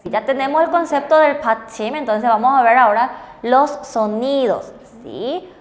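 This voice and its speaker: Woman teaching a lesson, high voice, keeps asking if you got it. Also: lively intonation, normal speed, long reverb tail. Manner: patient, checks understanding with frequent rhetorical questions. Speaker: Korean language teacher. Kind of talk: bilingual classroom lesson on TV.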